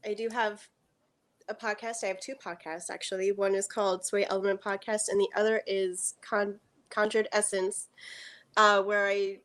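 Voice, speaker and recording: A woman guest on a roundtable show, a podcaster talking casually about herself, friendly and loose. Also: medium pitch.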